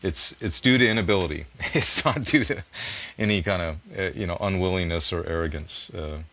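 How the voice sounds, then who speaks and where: Guesting on an interview, this native English-speaking music producer lays out long, sincere explanations while joking at his own expense. He speaks fairly quickly in a low, bright, forceful voice.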